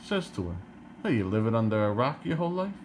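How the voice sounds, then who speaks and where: A man's voice: medium pitch, sing-song, fast talker, darkish tone, a little hiss or hum. A middle-aged man from New Jersey ranting to camera, exasperated, firing rhetorical questions and repeating himself. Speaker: vlogger.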